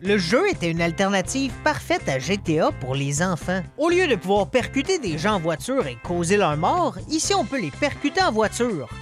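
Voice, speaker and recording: A man's voice: high-pitched, sing-song, moderate pace, few pauses, soft background music. A man with a Québécois accent giving a sarcastic, joke-filled video game review. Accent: Québécois French. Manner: sarcastic, joking asides.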